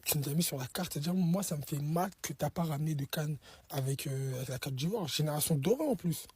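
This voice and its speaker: A man's voice: on the high side, fast talker, a little mellow, slightly rough. A man insisting on his opinion in casual talk to camera. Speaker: football commentator.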